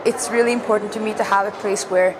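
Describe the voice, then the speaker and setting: Earnest woman from Norway in a loud crowd. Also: mid-range voice, steady tone. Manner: earnest, hesitant with pauses. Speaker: competition participant. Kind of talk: on-the-spot interview. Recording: loud crowd and noise at an event.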